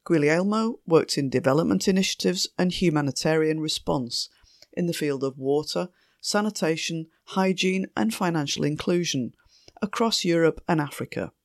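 A woman with a croaky voice from a cold, introducing a podcast episode as its host in a measured, clear read. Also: low-pitched, dry recording, studio quality. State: hoarse from a cold.

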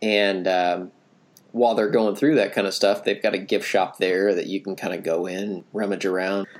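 Brief: man, 30s, slightly low voice, casual co-host, rambling storyteller with many restarts. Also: fairly even intonation, moderate pace. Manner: rambling, self-correcting anecdote teller. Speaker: podcast co-host.

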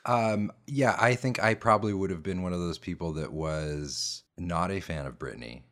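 A man in his thirties chatting casually as a podcast co-host, relaxed and a bit hesitant, often restarting his sentences. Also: sits low, normal speed. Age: 30s. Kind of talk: casual chat.

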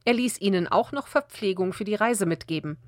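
A woman reading a Bible passage aloud as a measured audiobook narration, slowing down for the quoted speech. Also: mid-range voice, no room sound, clean studio sound. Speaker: Bible reader.

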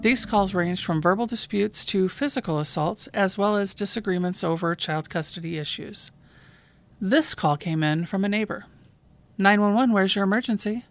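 A woman, a 911 dispatcher who hosts her own podcast, calmly narrating a true call in scripted form. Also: medium pitch, moderate pace, soft background music.

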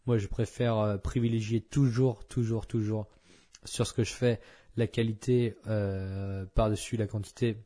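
Man, solo podcast host, warm dark tone, hesitant fillers, frank. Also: on the low side, flat delivery, measured pace. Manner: rambling with many fillers and restarts; blunt and frank. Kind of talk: casual solo podcast talk.

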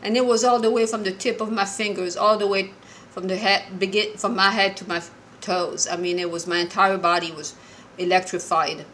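An earnest woman in her sixties, born and raised in Morocco, calls in to share a personal story. She speaks at a middle pitch, stops and restarts her sentences often, and a faint noise sits under her voice. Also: steady tone, fairly bright tone, rough recording. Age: 60s. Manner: earnest and halting, with frequent restarts. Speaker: caller. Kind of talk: personal story told on a call-in show.

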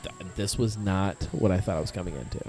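A man's voice: sits low, brisk, mellow. A man hosting a podcast in casual chat, rambling and correcting himself, laughing easily. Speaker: podcast host.

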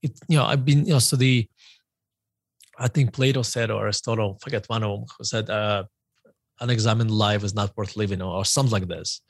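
A man's voice: lowish voice, steady tone, fairly quick, no echo. Middle-aged Russian-born man, podcast guest, rambling and self-correcting, dry recording. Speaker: guest author. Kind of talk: podcast interview.

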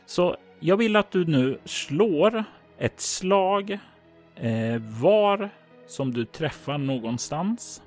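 A man narrating a tabletop role-playing game as game master, describing scenes and calling for dice rolls in a calm, measured way. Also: fairly high pitch, soft background music.

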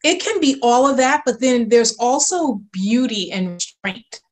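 A woman's voice: a little high, expressive, a little slow. Gushing woman guest on a video call. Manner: gushing, full of fillers like "like" and "um". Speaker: interior designer guest. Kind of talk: casual interview.

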